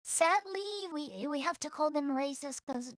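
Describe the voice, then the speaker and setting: A woman's voice: sits high, lively intonation, a little slow, dry recording. A woman from El Salvador, rambling bluntly and profanely in a casual vlog monologue, often restarting her sentences. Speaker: streamer.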